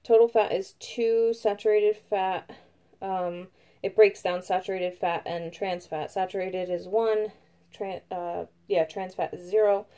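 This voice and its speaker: A woman's voice: medium pitch, steady tone, measured pace, warm tone. A woman giving a casual product review at home, chatty and rambling with lots of fillers, sometimes talking while eating. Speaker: vlogger reviewing food.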